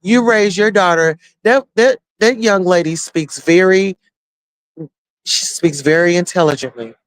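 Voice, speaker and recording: A man's voice: high-pitched, measured pace, no echo. A man giving casual, chatty commentary to his viewers, full of slang and preachy asides. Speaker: YouTube commentator.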